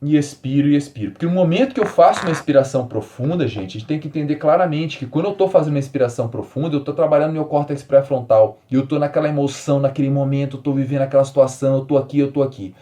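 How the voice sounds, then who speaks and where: A man in his forties from Brazil, hosting a solo health podcast and explaining ideas with emphatic repetition, then easing into calm, soft phrasing. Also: a little high, rapid-fire, hardly any pauses. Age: 40s. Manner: animated, emphatic, repeats key words, drops to calm soft tones. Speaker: podcast host.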